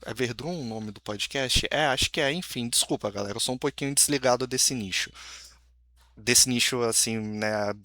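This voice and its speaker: Bright-voiced Brazilian man musing casually. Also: mid-range voice, dry recording, clean studio sound. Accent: Brazilian Portuguese. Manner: informal, swearing, self-correcting. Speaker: video creator. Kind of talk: casual reflective commentary.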